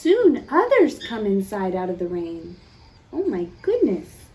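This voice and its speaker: This storytime reader has a medium-pitched voice and performs a picture book for little kids in an animated way, gasping dramatically, pausing for effect, and quizzing her listeners. Slight background noise can be heard.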